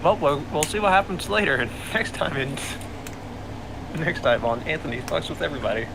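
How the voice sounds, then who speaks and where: A man's voice: fairly high pitch, animated, moderate pace, creaky. A man playing a tabletop game, chatting casually and swearing and laughing freely, over voice chat. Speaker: player. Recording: noisy background.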